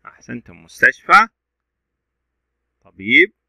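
A man's voice: medium pitch, sing-song, a little slow, creaky, pushed and bright, dry recording, low-quality recording. A male teacher giving a reading lesson to young pupils, sounding out syllables letter by letter and praising the children's answers.

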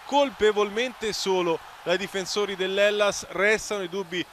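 High-pitched male highlights commentator. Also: steady tone, moderate pace, fairly bright tone. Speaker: football reporter. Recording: clear background noise.

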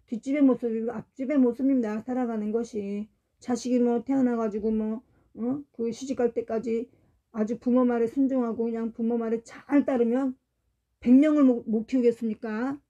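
A woman's voice: on the high side, dark tone, muffled recording. A middle-aged woman preaching a sermon, speaking with emotion, telling family stories and asking the congregation rhetorical questions.

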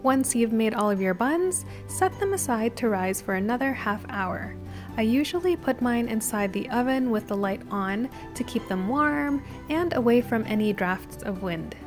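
A woman host calmly narrating a baking recipe step by step as a voice-over. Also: a little high, moderate pace. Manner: steady step-by-step instructional delivery. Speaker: cooking channel host. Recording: voice-over with music behind.

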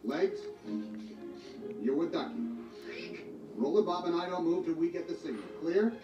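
A man's voice: a little high, lively intonation, normal speed, roomy sound, dull audio, over music, close to an everyday voice. An actor playing a bossy male cowboy toy sheriff, giving urgent commands, heard from a film clip played on a TV far from the mic. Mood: commanding.

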